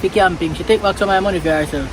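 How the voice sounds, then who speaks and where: A man's voice: high-pitched, rapid-fire, noisy background. A man with a Jamaican accent chatting and telling stories casually in informal patois phrasing outdoors. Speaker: vlog co-host. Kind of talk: casual chat and storytelling. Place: outdoors by a river.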